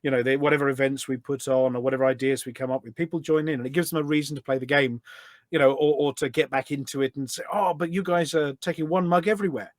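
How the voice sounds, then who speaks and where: A fast-talking man, a community radio presenter guesting on a podcast, speaks in a steady, mid-range voice. The recording is dry and studio quality. He rambles casually through stories, performing the lines he quotes.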